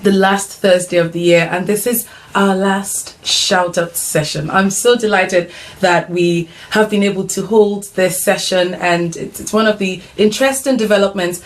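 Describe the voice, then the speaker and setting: A mid-range, steady voice at a moderate pace with few pauses belongs to a middle-aged Nigerian woman interviewing her son on her online show for mums. She keeps it casual, upbeat and teasing, with plenty of ums.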